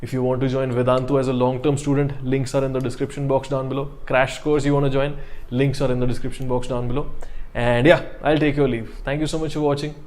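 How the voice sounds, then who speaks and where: A man's voice: medium pitch, level tone, fast talker, a little mellow. A man with a North Indian accent giving a live lecture as an online teacher, explaining step by step and repeating key phrases with Hindi check-in tags.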